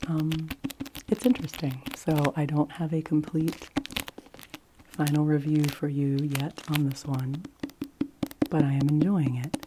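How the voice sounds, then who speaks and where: A woman talking about books in a soft-spoken, hushed ASMR style close to a library whisper, gently delivered. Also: low voice, noisy background. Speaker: book reviewer.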